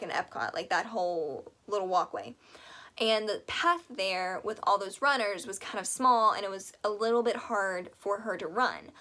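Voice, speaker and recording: A young woman hosts a casual advice vlog, chatty and enthusiastic, wandering off into asides. Her voice is a little high and fairly bright but a bit worn, and she mentions that she is losing it.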